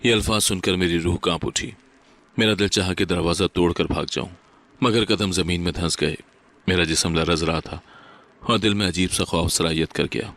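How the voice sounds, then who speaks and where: Man with a really low voice reading out a sad story, calm and solemn. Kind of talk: scripted story narration.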